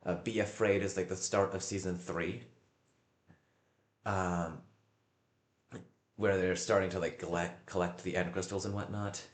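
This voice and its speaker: A man with a deep, low voice talks casually on a livestream in an echoey room. He rambles in a halting way, doubling back on words and pausing to find the next one. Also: level tone. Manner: halting, often repeating and searching for words.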